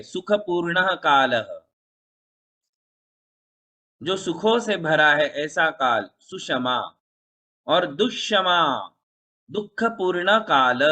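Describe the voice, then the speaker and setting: Male spiritual teacher, slow deliberate delivery, bright tone, patient questioning style. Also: fairly high pitch. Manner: patient, explanatory, repeats words slowly for pronunciation; asks the audience questions often. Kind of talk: religious discourse lesson.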